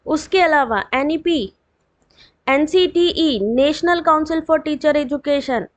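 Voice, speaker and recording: A woman teaching an exam revision lesson online, reading out full forms slowly with quick chatty asides to her students and a dry throat. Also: sits high, lo-fi sound.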